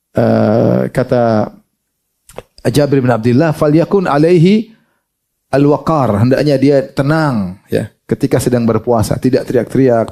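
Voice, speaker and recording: Male preacher, dark mellow tone. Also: mid-range voice, vocal fry. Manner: lively, asks rhetorical questions and answers them himself. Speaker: Islamic preacher. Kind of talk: religious study sermon.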